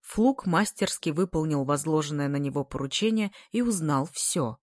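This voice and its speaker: A woman reading a story aloud in a lively, expressive narration. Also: low-pitched, normal speed, no room sound, clean studio sound. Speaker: audiobook narrator. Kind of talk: scripted narration.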